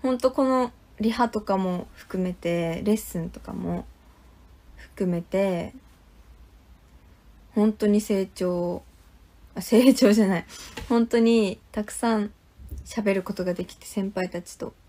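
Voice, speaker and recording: A young woman in a casual livestream chat, speaking haltingly and trailing off softly at the ends of phrases. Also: medium pitch. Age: young adult. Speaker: idol group member, livestreamer. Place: small indoor room with curtains.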